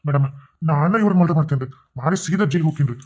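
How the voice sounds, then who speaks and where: A man's voice: a little high, darkish tone, close to an everyday voice. A man voicing an enraged, grieving father in a cartoon, speaking heatedly with a North Karnataka accent. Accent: North Karnataka Kannada. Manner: heated, rapid. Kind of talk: cartoon voice acting.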